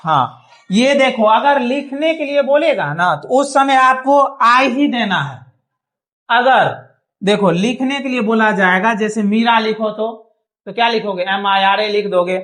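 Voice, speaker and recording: A man's voice: sits high, unhurried, a bit bright. Man teaching a class, patient and repetitive. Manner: patient, repeats checks like "thik hai?". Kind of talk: classroom lesson. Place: small classroom.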